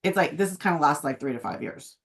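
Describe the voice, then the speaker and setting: A woman with a hoarse, phlegmy voice that sits on the low side. She talks about the housing market in a chatty, casual way, with plenty of fillers. She sounds like a real estate agent giving a relaxed weekly update. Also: quick pace. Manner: chatty, uses many fillers. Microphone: video call.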